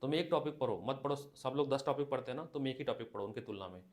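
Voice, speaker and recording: Male physics teacher, slow repeated dictation, direct coaching, classroom lecture. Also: mid-range voice.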